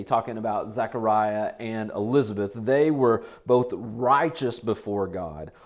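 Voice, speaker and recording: A man's voice: medium pitch, a little mellow. Pastor in his forties preaching. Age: 40s. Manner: conversational, repeats phrases for emphasis. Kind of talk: sermon. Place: church.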